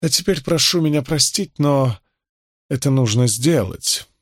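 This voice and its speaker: A man voicing a cold, calculating, smug rich Roman in an audiobook, cool and measured. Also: mid-range voice, lively intonation, no room sound, studio quality. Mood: brisk. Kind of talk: audiobook character voice.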